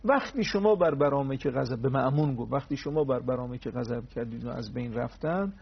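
A man's voice: mid-range voice, gravelly, breathy edge, muffled recording. A man giving a religious talk on a TV program. He tells old stories, acts out the dialogue, and adds pious honorifics along the way.

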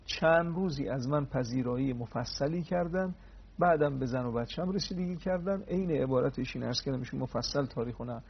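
A man's voice: mid-range voice, vocal fry, husky, lo-fi sound. A man giving a religious talk on a TV program. He tells old stories, acts out the dialogue, and adds pious honorifics along the way.

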